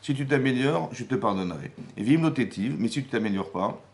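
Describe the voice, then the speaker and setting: Man, rabbi teaching a Torah class, lively voice that rises and falls, rhetorical questions, acted-out dialogue. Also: medium pitch, fairly quick. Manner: animated, acts out quoted dialogue, rhetorical questions. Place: Paris community hall.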